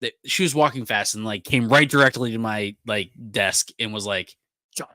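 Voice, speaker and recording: A young man, co-hosting a casual podcast and telling animated stories with frequent laughs. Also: fairly low pitch, normal speed, no room sound. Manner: animated storyteller, laughs often. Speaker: podcast co-host. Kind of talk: casual chat.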